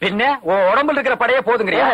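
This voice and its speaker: Smug ex-village-president type, sarcastic, really bright and high. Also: male voice, quick pace, muffled recording, full character voice. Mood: mocking. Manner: mocking, sarcastic banter. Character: boastful rival ex-village-president man. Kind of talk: film comedy dialogue.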